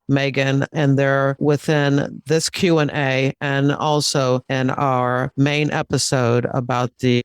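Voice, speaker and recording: A man's voice: mid-range voice, smooth, dry recording. A man hosting a podcast, reading out listener questions and setting up answers. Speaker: podcast host.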